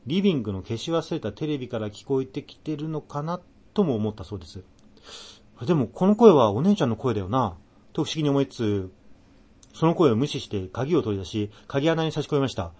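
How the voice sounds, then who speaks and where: A man's voice: medium pitch, fairly quick. A man hosting a radio show, reading out a listener's ghost story and whining playfully when his co-host teases him. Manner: animated, plaintive when teased.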